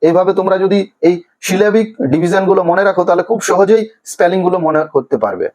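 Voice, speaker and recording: A man from Bengal teaching a primary school English lesson, sounding words out slowly syllable by syllable. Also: high-pitched, lively intonation, a little mellow, low-quality recording. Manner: slow, drawn-out pronunciation of each word by syllables. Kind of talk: classroom lesson explaining vocabulary.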